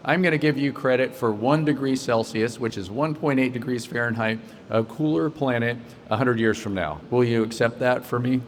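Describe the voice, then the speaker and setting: A man's voice: mid-range voice, moderate pace, few pauses, slight background noise. A man hosting a podcast interview at a solar conference, upbeat and joking, with promotional plugs. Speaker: podcast host. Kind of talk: casual interview.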